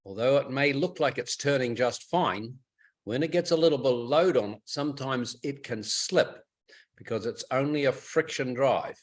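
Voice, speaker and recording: On a group conference call, heard over a telephone or conference line, a club's technical expert gives a caller informal technical guidance. He has a mid-range voice and normal speed, and he explains step by step in an instructive manner.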